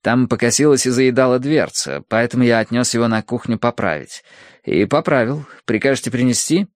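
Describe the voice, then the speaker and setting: A man voicing a polite, unflappable butler who speaks quietly and deferentially. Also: mid-range voice, a little fast, no echo, studio quality, natural voice.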